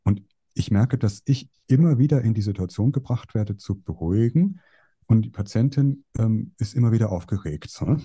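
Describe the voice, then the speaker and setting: A man's voice: on the low side, expressive, normal speed, dark tone, slightly rough, dry recording. A young man, a psychoanalyst, explaining his clinical work in conversation and working through case examples. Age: young adult. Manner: explains with case examples, voices patients' lines.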